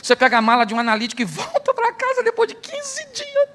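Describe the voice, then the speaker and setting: Middle-aged Brazilian pastor, bright and edgy tone, storytelling preacher who acts out both sides of a conversation. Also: male voice, very high-pitched, wildly swooping pitch, fast talker. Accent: Brazilian Portuguese. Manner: storytelling, jokes, acts out dialogue. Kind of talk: humorous sermon.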